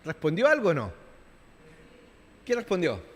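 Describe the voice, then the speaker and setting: A man's voice: a little high, wildly swooping pitch, unhurried. A man with a Chilean accent preaching a conversational sermon to his congregation, often checking in with them and acting out scenes. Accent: Chilean Spanish. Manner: acts out biblical dialogue in playful voices. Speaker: pastor. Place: church. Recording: long reverb of a church hall.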